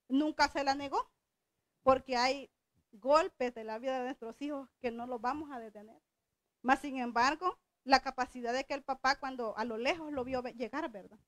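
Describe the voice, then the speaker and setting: A woman's voice: high voice, fairly bright tone, no echo. A middle-aged woman from El Salvador preaching a sermon in a conversational way, often asking the congregation questions.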